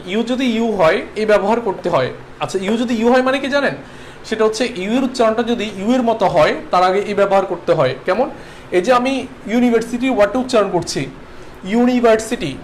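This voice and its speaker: A young Bangladeshi man teaches a livestreamed English exam-prep lesson online, repeating the rules and checking that his students keep up. His voice sits high, with slight background noise.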